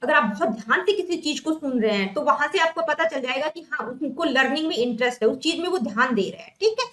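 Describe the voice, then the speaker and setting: A woman teaching an exam-prep lecture who explains each term, asks her own questions and keeps checking with "ठीक है?", reading English definitions slowly word by word. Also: sits high, lively intonation, fairly bright tone, roomy sound, rough recording.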